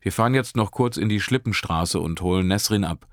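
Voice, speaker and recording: A man's voice: sits low, a little fast, dry recording, clean studio sound. A man voicing a talkative young woman driver who teases her passengers and laughs a lot, in an audiobook. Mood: teasing. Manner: talkative, teasing, laughing often. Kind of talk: audiobook character voice.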